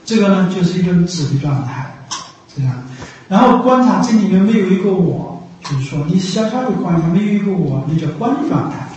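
A man giving an unhurried Buddhist dharma talk, repeating himself and pausing on drawn-out fillers. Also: high-pitched, lively intonation, darkish tone, dull audio, slight background noise. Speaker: Buddhist teacher. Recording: echoey room, voice from far off.

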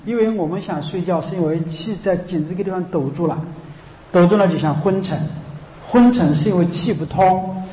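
A man's voice: sits high, dark tone, roomy sound, big-room sound, rough recording. A man teaching a Buddhist chant, explaining the breathing and meaning in an earnest, instructive way. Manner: slow drawn-out chanting alternating with earnest spoken explanation.

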